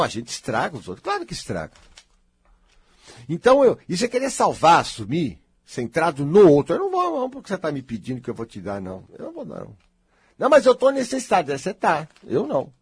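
Man, husky voice, spiritual teacher, blunt and emphatic, near-shouts, dry close sound. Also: sits high, no echo. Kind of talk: spiritual talk to an audience.

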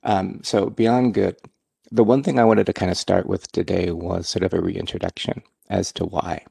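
A man, a co-author hosting the talk, speaking in a relaxed way with many fillers. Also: deep voice, moderate pace, creaky, husky, no echo. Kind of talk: casual conversation.

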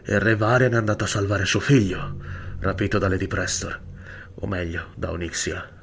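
A man voicing a calm, blindfolded elf. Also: low-pitched, creaky, a little hiss or hum. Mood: insistent. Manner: calm, measured, quietly insistent. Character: mysterious blindfolded male elf, calm and insistent. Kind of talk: audiobook character reading.

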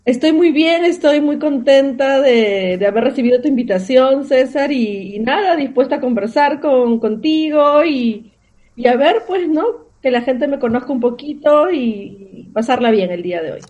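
A woman from Peru joins a podcast as a guest over a remote connection. Her voice is mellow and slightly high, and she talks thoughtfully, pausing and hesitating, laughing easily as she explains herself. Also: animated. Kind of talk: conversational interview. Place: Lima, Peru.

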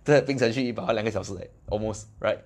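A young Malaysian-accented man talks fast and with lots of energy, telling a motivational story to his live video viewers. His voice sits fairly low, and he punctuates the telling with excited exclamations.

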